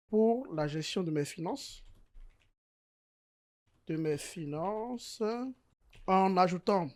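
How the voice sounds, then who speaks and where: Homme francophone, tutoriel logiciel improvisé, voix assez aiguë, son sec. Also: male voice, on the high side, darkish tone, dry recording, clean studio sound. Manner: casual, thinking aloud, many fillers. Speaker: tech YouTuber demoing software. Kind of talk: screen-recorded software walkthrough.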